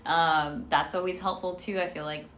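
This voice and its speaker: A woman's voice: deep voice, steady tone, moderate pace, fairly bright tone. A woman with a Colombian Paisa accent co-hosting a livestream, chatting casually with viewers in an effusive, giggly manner. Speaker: livestream co-host. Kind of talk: casual chat with live viewers. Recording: noisy livestream audio.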